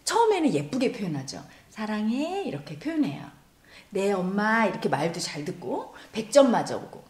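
Woman, meditation teacher, spiritual lecture, very lively intonation, echoey room. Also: on the low side, a little fast. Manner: expressive, sometimes drops to a whisper.

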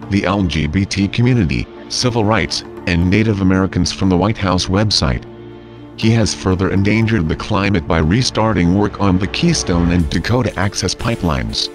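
Male narrator, low voice, solemn scripted political address, clear music bed underneath.

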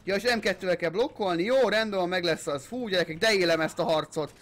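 This young man commentates his gameplay with a high voice, hyping himself up and dropping curses. He throws English gamer phrases into his talk and gets loud in fights. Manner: excitable, swearing, hyped-up shouting. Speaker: gaming channel host. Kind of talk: let's play commentary.

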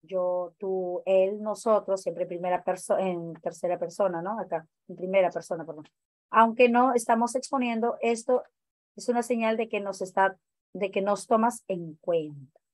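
A woman's voice: medium pitch, moderate pace, a little mellow, dry recording. A woman teacher leading an online training class, explaining exam answers and asking the group questions. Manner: questioning, explanatory, many fillers.

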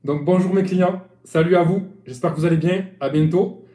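Chatty Marseille sailing coach, roomy echo. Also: male voice, on the high side, steady tone, normal speed, dark tone. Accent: Marseille French. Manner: chatty, rambling, repeats and restarts. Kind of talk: casual live-stream lesson. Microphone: live-stream phone or webcam.

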